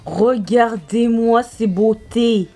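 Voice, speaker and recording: A woman's voice: fairly high pitch, extremely slow, dark tone. A young woman vlogging makeup swatches, gushing and exclaiming over each shade in casual chat. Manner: gushing, exclamatory, marvelling aloud. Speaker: beauty vlogger.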